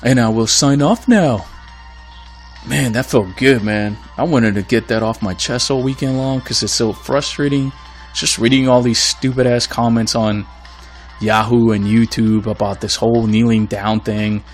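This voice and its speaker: With faint music in the background, this mid-range male voice keeps a fairly even intonation and a measured pace. He's a Florida podcaster ranting solo, blunt and exasperated, as his voice fades.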